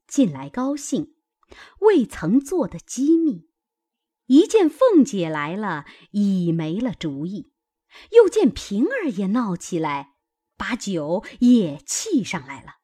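A woman's voice: mid-range voice, wildly swooping pitch, slow pace, dark tone. A woman reading a classic novel aloud as dramatic storytelling. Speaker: audiobook reader.

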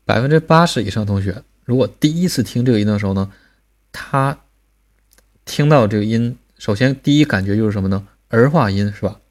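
Man, somewhat low voice, patient teacher, recorded pronunciation lesson. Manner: patient, drills sounds slowly with repetition.

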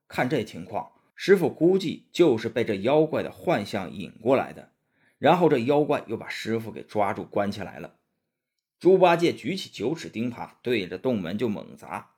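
A man narrating a children's story in an animated, expressive way. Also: fairly low pitch, breathy edge.

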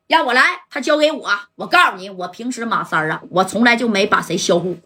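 A woman voicing a brash, vengeful male gang enforcer who boasts and threatens loudly. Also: medium pitch, lively intonation, a little fast, slightly rough. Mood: threatening.

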